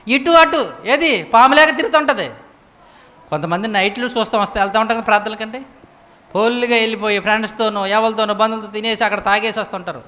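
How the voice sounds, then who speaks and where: Emphatic high-voiced man preaching in a hall. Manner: emphatic, rhetorical questions, swings from loud to hushed. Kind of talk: sermon. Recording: echoey hall reverb.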